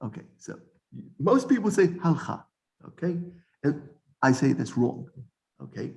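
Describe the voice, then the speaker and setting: A man teaching an informal Bible study lesson, animated, often repeating words and restarting sentences. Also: mid-range voice, normal speed, creaky.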